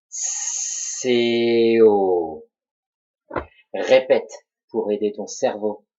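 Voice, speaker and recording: A man teaching a dictation lesson, slowly spelling out syllables for children to repeat and write. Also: on the low side, warm tone, breathy edge. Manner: slow, deliberate, spells out syllables. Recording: dull lo-fi recording.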